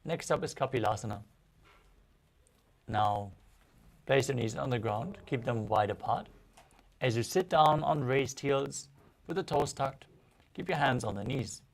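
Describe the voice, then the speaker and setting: A man with a mid-pitched, gravelly voice leads a guided yoga practice as the instructor. He gives each direction in a measured, instructional way, with fry running through the words.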